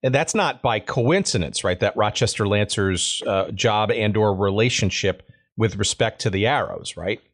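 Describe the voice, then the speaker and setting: A man's voice: fairly low pitch, normal speed, a bit bright. A man hosting a podcast interview, asking questions hesitantly with many uhs and restarts. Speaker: podcast host. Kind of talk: interview conversation.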